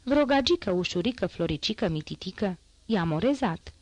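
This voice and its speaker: A woman voicing a sharp-witted young man who teases his friend with playful, mocking quips, in an audiobook reading. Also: medium pitch, lively intonation, no echo, natural voice. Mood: teasing.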